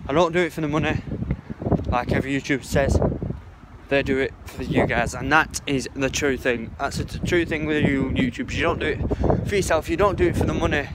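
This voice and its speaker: A man's voice: fairly high pitch, fairly even intonation. Guy vlogging on his phone out in a park, kinda rambly and out of breath, heavy wind noise all over it. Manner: rambling, halting, restarts often. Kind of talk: casual vlog talk to camera. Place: outdoors in a park. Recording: loud wind and outdoor noise.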